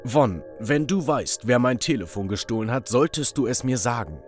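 A man's voice: mid-range voice, expressive, normal speed, soft background music, close to an everyday voice. A man voicing a stern adult male camp boss who growls threats at the boys. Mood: probing.

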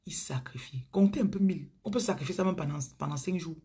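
A woman with a Cameroonian accent speaks in a deeply husky, breathy voice. She preaches to her viewers over a phone stream in a chatty way. Her voice often sinks into low murmurs and whispers. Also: fast talker, warm tone. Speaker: spiritual coach on a live stream.

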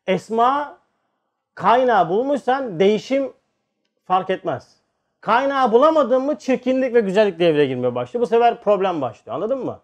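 A man giving an informal religious lecture, talking to listeners like a brother and moving between quiet asides and emphatic points. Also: sits high. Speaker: religious teacher.

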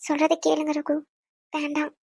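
A woman voicing a young pregnant wife in a cartoon family drama, calmly pleading and reasoning. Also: high voice, moderate pace, gravelly, no echo. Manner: pleading and persuading.

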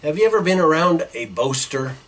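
A man's voice: on the high side, animated, brisk, a bit bright, a little hiss or hum, low-quality recording. A middle-aged man preaching a sermon from a small office, teaching earnestly with hand gestures and some fillers, recorded by a desk webcam. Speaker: pastor. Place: small church office with bookshelves, indoors.

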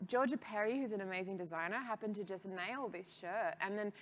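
A woman's voice: mid-range voice, brisk, slight background noise. Chatty Australian woman, laughing often. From rural Australia. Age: 30s. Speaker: guest, DJ and label founder. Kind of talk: casual conversational interview.

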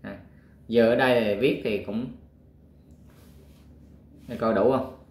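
A man teaching a math lesson, working through a worksheet, counting aloud step by step and pausing with fillers. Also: on the low side, steady tone, roomy sound.

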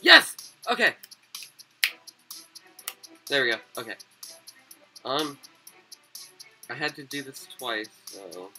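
A man talks his way through a video game in a lively, up-and-down voice, rambling casually and breaking into excited yelps. His voice sounds a little rough from being sick, and game music plays underneath. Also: medium pitch, slow pace, pauses often, low-quality recording. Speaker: gaming video creator. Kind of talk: game playthrough commentary.

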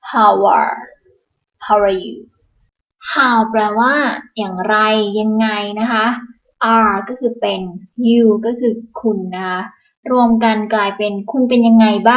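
A woman teaching beginners in a patient, instructional manner, repeating each phrase slowly. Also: on the high side, highs cut off. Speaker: English teacher. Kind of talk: slow instructional explanation.

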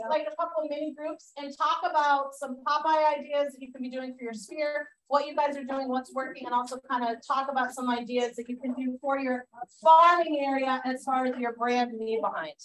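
Leading a real estate training session, a Boston-accented woman talks quickly with barely any pauses, her high voice fairly even in intonation, casual and peppered with fillers and false starts. The room echoes and the microphone is distant.

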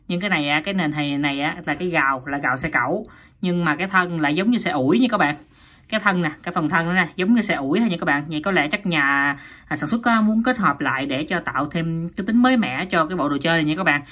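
A woman talks fast through a toy unboxing, her voice a little low and husky. She chats to viewers constantly and keeps the tone loose and casual. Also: pushed and bright. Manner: chatty, repeats "các bạn" often, laughs at herself. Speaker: toy reviewer.

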